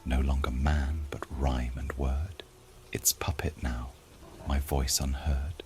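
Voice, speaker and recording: A man voicing a haunted cursed man in hushed rhyme. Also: extremely low pitch, steady tone, slow pace, faint music behind. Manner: hushed, half-whispered rhymed confession.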